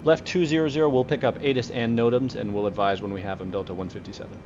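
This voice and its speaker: A man talking into a pilot headset mic in the cockpit, firing off radio calls and quick asides at a fast clip. His delivery is brisk and dry, with jokes and casual swearing. The sound is slightly muffled, with a steady engine rumble clearly heard behind him. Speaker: flight simulator streamer playing airline pilot.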